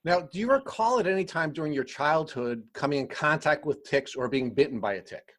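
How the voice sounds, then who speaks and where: A man's voice: on the high side, expressive, fairly quick, a bit bright. A man hosting a podcast, reading a formal guest introduction and then asking interview questions. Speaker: podcast host.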